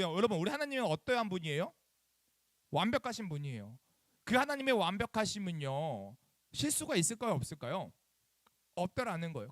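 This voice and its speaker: Youth pastor, male, high and very animated delivery, dry close sound, church sermon to teens. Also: dry recording. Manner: animated, acts out phone calls and asks the kids questions. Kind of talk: sermon to middle schoolers. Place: church chapel.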